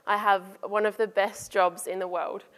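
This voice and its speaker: A woman's voice: mid-range voice, little pitch movement, moderate pace, fairly bright tone. Young Australian woman speaking in a reverberant hall. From north coast of New South Wales, Australia. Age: early 20s. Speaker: youth climate campaigner and speaker. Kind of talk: public speech to a live audience. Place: large room in front of an audience.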